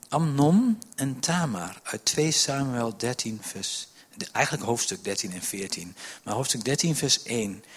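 Husky-voiced male preacher. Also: medium pitch. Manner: emphatic, piles up repeated questions, drops to a hush for stress. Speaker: pastor. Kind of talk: sermon. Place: church service with listeners present.

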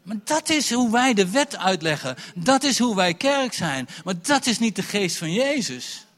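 A man preaching an Easter sermon, swinging between loud bursts and hushed asides, acting out quoted dialogue in character voices. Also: high voice, very animated, unhurried. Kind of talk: lively Easter sermon with personal story.

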